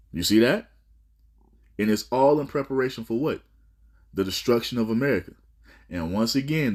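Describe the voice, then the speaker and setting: A man's voice: medium pitch, a little mellow. A man teaching scripture in a fiery style, stumbling and restarting, with repeated rhetorical questions.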